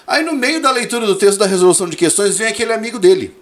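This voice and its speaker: A man hosting a casual conversation, telling playful, expressive stories about teaching. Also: high-pitched, racing.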